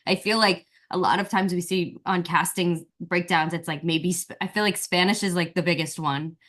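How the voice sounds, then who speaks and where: A woman from Virginia, USA, hosts a casual interview in a lowish, slightly bright voice with fairly even intonation at normal speed. She's effusive and gushing, peppering her speech with "like" and "you know".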